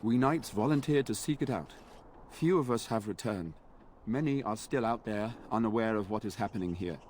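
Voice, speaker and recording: An actor playing an earnest, weary knight in a video game, speaking in formal, courtly phrases. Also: male voice, on the low side, expressive, normal speed, darkish tone, a little hiss or hum, close to an everyday voice. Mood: solemn. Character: earnest knight sworn to a noble lord, weary and dutiful. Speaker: game character.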